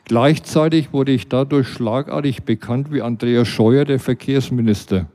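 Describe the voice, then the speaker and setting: A man's voice: mid-range voice, moderate pace, warm tone. A man reading a humorous first-person story aloud in a dry, wry way.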